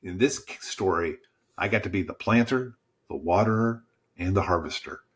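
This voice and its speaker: A man, a church small-group pastor, telling stories as a podcast guest in a lively, encouraging preacher's manner and acting out the dialogue. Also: moderate pace, husky. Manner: lively storyteller who acts out dialogue with sudden pitch jumps. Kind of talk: storytelling in a podcast conversation.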